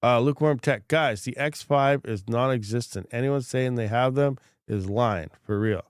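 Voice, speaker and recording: A man with a mid-range, clear, resonant voice hosts a crypto mining livestream at normal speed, reading out chat comments. He sounds congested as he recovers from losing his voice, rambling frankly with plenty of fillers and restarts. The studio sound is clean with no echo.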